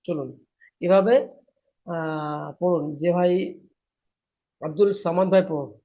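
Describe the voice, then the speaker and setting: A man leads a class through Arabic letter drills, chanting each syllable in turn and gently correcting his students. His voice sits a little high and moves slowly and deliberately. The recording is dull and lo-fi. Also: steady tone. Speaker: Quran reading teacher.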